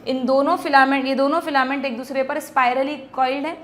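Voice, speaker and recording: A woman's voice: high voice, fairly even intonation, a little fast, fairly bright tone, slight background noise. A woman biology teacher giving an exam-prep lecture, explaining step by step and checking in with her students in phrases.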